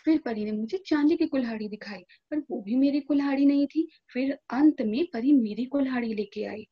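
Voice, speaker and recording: A woman's voice: high voice, normal speed, breathy edge, lo-fi sound. A woman voicing an honest, hardworking young male woodcutter, who tells his story in an earnest, plain way.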